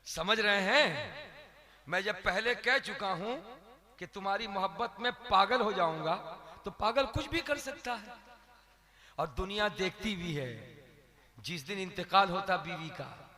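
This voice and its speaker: A male preacher delivers a funny sermon, animated and teasing, and keeps urging the crowd to answer. His voice sits high and sounds sharp and bright. The sound carries the long reverb of a large hall. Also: measured pace. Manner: animated, joking, prods the audience to respond. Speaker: Islamic preacher. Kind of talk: humorous religious sermon.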